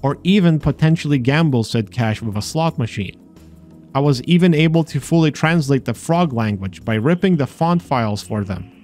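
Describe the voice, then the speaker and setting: Here the host's mid-range voice moves with lively intonation at normal speed, carrying a darkish tone. He delivers a scripted video game voice-over full of dry, sarcastic remarks while faint game music runs in the background.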